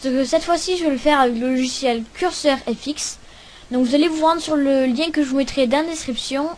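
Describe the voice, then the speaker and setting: High-voiced young woman hosting a tutorial. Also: a little fast, darkish tone. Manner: hesitant, many fillers and restarts. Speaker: tutorial host. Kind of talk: casual screen-recording tutorial.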